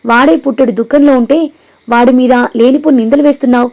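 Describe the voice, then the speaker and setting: A woman's voice: high voice, fairly even intonation, fast talker, darkish tone. A woman voicing a stern, protective older grandfather in a storybook reading. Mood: angry.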